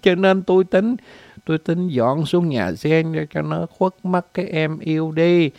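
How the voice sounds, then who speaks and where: Man, Southern Vietnamese accent, comic storytelling, theatrical lament, slightly high voice. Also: measured pace, creaky, a little mellow, no room sound. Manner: theatrical, full of exclamations and lament.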